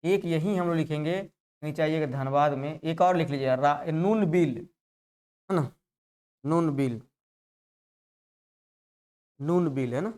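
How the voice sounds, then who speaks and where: Coaxing teacher. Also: male voice, a little high, unhurried, pauses often, darkish tone, clear, resonant tone. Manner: repetitive, coaxing, peppers lines with "hai na". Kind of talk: live exam-prep class.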